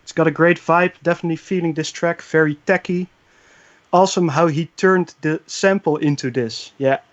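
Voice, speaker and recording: A man's voice: on the high side, fairly even intonation, moderate pace. A man reviewing a track in a casual chat, hesitant with many fillers. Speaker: show panelist. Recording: dull lo-fi mic.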